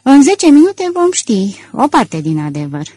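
A woman's voice: high voice, big pitch swings, dark tone, breathy edge, dry recording, voice pushed up, heavily acted. A woman reading as an eager, clever young man of a detective, bursting with emphatic exclamations in an audiobook. The delivery is close and dry, with no room around it. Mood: excited.

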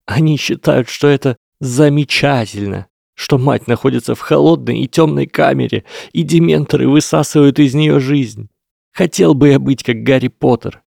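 A man's voice: mid-range voice, steady tone, normal speed, vocal fry, darkish tone, slightly rough, dry recording, clean studio sound, pitched above the performer's own voice. A man voicing a desperate, weeping young boy wizard who trembles, pleads and then screams, in an audiobook reading. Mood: anguished. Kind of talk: audiobook character voice.

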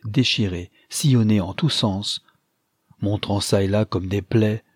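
A man narrating a classic novel in a measured, literary reading. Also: fairly low pitch, darkish tone, husky, no room sound, clean studio sound. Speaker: audiobook narrator. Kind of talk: scripted narration.

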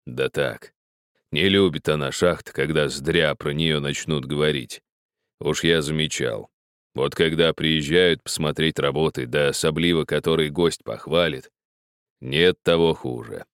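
A stern, pious old peasant miner with a deep, hushed voice, speaking slowly and sternly in a storybook reading, as a male narrator puts him on. His lines sit well below the reader's normal pitch, soft and dry. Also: fairly even intonation, smooth, no echo. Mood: grave. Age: older. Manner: slow, grave, moralizing.

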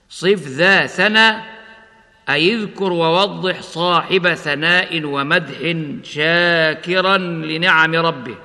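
Slow, measured male recitation teacher, chanting examples melodically, long reverb tail. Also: a little high, pushed and bright. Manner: explains each rule, then chants the example words slowly. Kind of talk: tajweed lesson with recited examples.

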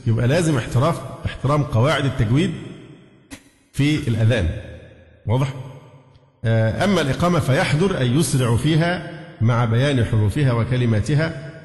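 A man with an Egyptian accent, in a middle pitch, teaches a religious lesson in a patient, explanatory way. He quizzes his listeners with quick questions and sometimes chants short phrases to show pronunciation. His voice echoes with a long reverb through a large hall. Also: a little mellow. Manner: explanatory, asks students rhetorical questions; demonstrates call-to-prayer pronunciations. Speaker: Islamic scholar teaching.

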